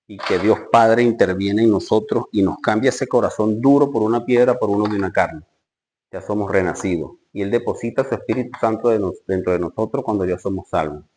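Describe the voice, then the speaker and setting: Emphatic lower-pitched male preacher. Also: brisk, darkish tone. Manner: emphatic, rises sharply when reading scripture; addresses listeners directly, rhetorical questions. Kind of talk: Bible study sermon.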